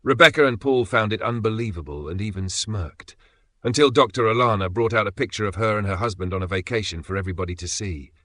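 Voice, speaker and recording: A man narrating a dramatic story in a steady, measured way with pauses for effect. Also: fairly low pitch, dry recording.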